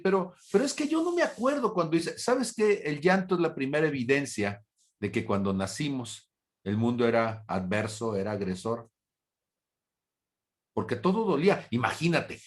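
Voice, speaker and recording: Slow, deliberate male preacher. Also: mid-range voice. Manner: slow, deliberate teaching with rhetorical questions; acts out brief imagined dialogues in a raised voice. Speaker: pastor teaching a Bible study. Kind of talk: sermon.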